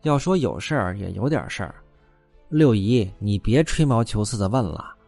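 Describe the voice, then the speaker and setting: A man's voice: on the low side, expressive, moderate pace, gravelly, a little mellow, no echo, soft background music. A man doing a tactful young manservant. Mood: evasive. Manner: coaxing, placating. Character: clever, tactful young male servant.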